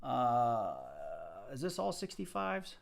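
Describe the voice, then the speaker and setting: In a mid-range voice with vocal fry, this livestream host talks slowly but animatedly. He has a light Southern US accent and rambles chattily to his viewers and the chat while hunting coins.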